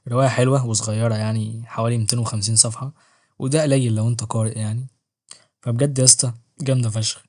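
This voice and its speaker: Egyptian male book vlogger, quick banter, mid-pitched, jokey and slangy. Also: fairly even intonation. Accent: Egyptian Arabic. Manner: joking, slangy, self-mocking. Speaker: book reviewer and channel host. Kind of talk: casual book review vlog.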